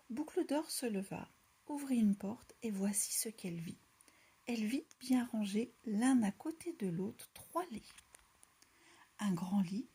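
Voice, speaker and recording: A woman reading a children's story aloud in a soft, hushed, half-whispered voice. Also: mid-range voice, breathy edge.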